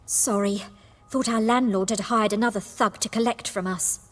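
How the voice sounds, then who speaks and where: A woman's voice: mid-range voice, fairly even intonation, normal speed, in a large hall, natural voice. A woman playing a wary, harassed young street performer in a video game, speaking in a plaintive, guarded way. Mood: apologetic. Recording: music behind.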